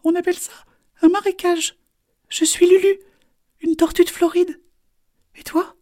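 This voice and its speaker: A man voicing a small, chatty female turtle in a storybook, with a squeaky, breathy voice that often drops to a whisper. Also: little pitch movement, measured pace, dark tone. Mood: urging.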